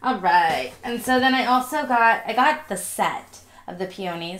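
A young woman with a stuffy nose from allergies, chatting upbeat through a casual haul video at home. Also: mid-range voice. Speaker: vlogger. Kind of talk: casual unboxing haul vlog. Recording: echoey room.

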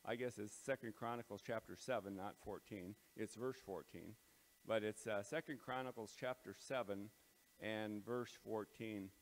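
A man leading morning devotions as pastor, speaking in a plain, halting way with many ums and uhs, his voice ringing with big hall echo in a large empty auditorium. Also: on the low side, fairly even intonation. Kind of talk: casual devotional talk and prayer. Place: large empty auditorium under renovation, bare floors.

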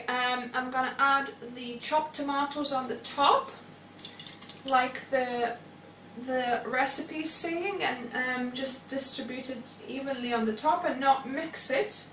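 A cooking show host in her thirties explains each step of a kitchen demonstration in a home kitchen, casual and slow-paced, her high voice steady and fairly bright. Despite a clipped lapel mic, she sounds a little distant, the room echoes noticeably, and there is faint noise.

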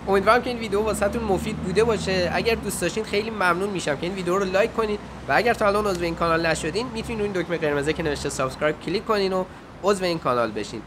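A man's voice: high voice, background noise. Man giving casual advice outdoors. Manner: informal, direct, addresses viewer as you. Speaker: YouTuber giving study advice.

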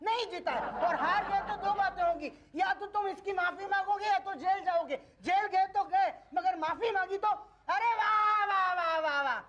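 A rambling, cheeky clerk. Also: male voice, extremely high pitch, normal speed, hardly any pauses, pushed and bright, highs cut off, slight background noise. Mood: teasing. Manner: teasing, rambling logic. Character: cheeky, long-winded office clerk, man. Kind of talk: TV sitcom acting.

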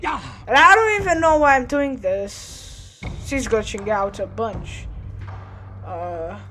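Woman gamer doing chill lets play commentary, slangy and surprised, high voice, game music under it. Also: fairly bright tone. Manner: casual, surprised, slangy reactions.

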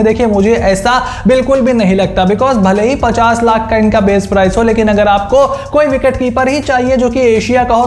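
A man's voice: very high voice, darkish tone, reverberant, a little hiss or hum. A young man hosting his own channel, confidently giving cricket auction predictions straight to camera, gesturing as he explains. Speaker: cricket analyst and channel host. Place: indoor room with stone-tile wall. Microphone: camera framed waist-up.

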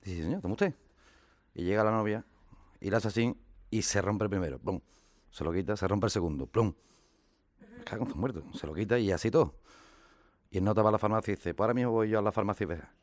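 A man from Spain telling short jokes casually, lively and acting out the characters. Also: fast, long pauses, no room sound. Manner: lively, acts out the characters with shifts in pitch. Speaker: joke teller.

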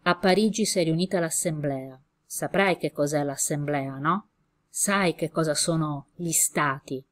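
A steady, protective male innkeeper from a storybook, as a woman reads him aloud. He speaks in short, gruff commands and plain, kindly words. The voice sits low and deep. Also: a little slow. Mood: calm.

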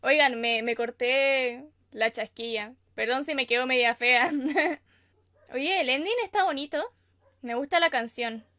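High-voiced excitable Chilean woman. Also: unhurried. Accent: Chilean Spanish. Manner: excitable, gasps, squeals and chatters to viewers. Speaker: anime reaction channel host. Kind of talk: casual reaction commentary. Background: anime episode audio and music.

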